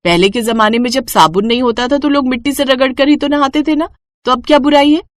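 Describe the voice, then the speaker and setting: A woman voicing a clever, cheeky young daughter-in-law in a storybook tale, in a bright, sly voice. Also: high-pitched, a little fast, no room sound, studio quality, voice pushed up, natural voice.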